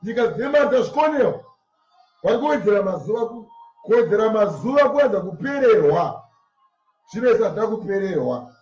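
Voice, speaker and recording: This preacher, a man with a Zimbabwean Shona accent, works through scripture line by line with emphatic repetition. His high-pitched voice swings widely in pitch and is a little mellow, and he speaks fast. Faint music sits behind him, captured by a distant mic in an echoey, muffled room.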